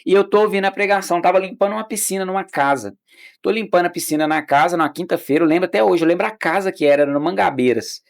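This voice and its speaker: A middle-aged Brazilian man, a podcast guest, sharing his personal faith testimony in casual conversation, telling it as an animated story full of restarts and acted-out dialogue. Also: high voice, rapid-fire, vocal fry. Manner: animated storyteller who acts out quoted dialogue; frequent restarts and filler words.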